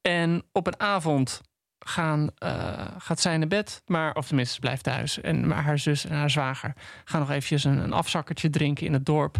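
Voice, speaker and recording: A man retelling a novel's plot on a studio podcast, halting and restarting often. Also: on the high side, gravelly, no echo. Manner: halting, full of restarts and ums. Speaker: podcast co-host. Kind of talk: casual book discussion. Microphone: studio microphone.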